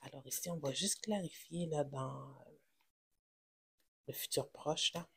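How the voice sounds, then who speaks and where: A tarot reader with a Québécois French accent talks straight to viewers in a husky, slightly breathy voice at an ordinary middle pitch. The delivery is reassuring but halting, full of fillers and restarts as the reading unfolds. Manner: reassuring, halting, with many fillers and self-corrections. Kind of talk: casual tarot reading to camera.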